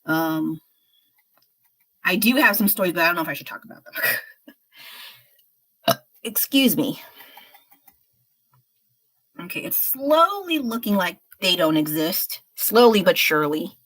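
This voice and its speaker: Bright-voiced chatty woman streamer. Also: lowish voice, sing-song, measured pace, pauses often, low-quality recording. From United States. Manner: chatty, rambling, frank. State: slightly unwell. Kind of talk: casual livestream chat while painting.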